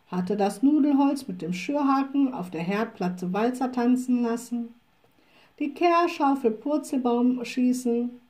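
A woman narrating a children's storybook in a calm, measured way. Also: on the high side.

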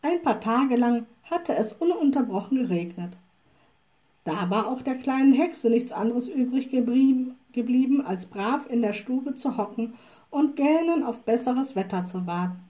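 A woman narrating a children's audiobook with calm, measured storytelling. Her voice is mellow and warm, pitched a little above average. She keeps a steady, even delivery from line to line.

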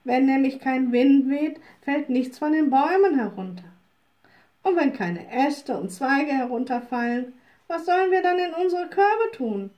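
A woman's voice: high voice, lively intonation, unhurried, muffled recording, pitched above the performer's own voice. A woman voicing poor, worried old wood-gathering women in a storybook, speaking plaintively. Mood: complaining.

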